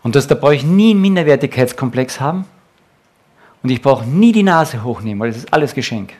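A man's voice: medium pitch, animated, a little fast, darkish tone. A man preaching a sermon to fathers, speaking earnestly and emphatically, and closing with a prayer. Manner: earnest, emphatic, quoting God and Jesus in direct speech.

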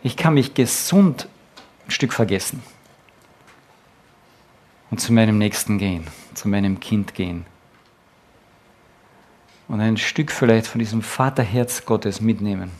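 A man's voice: lowish voice, a little slow, long pauses, a little mellow. A man preaching a sermon to fathers, speaking earnestly and emphatically, and closing with a prayer. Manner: earnest, emphatic, quoting God and Jesus in direct speech.

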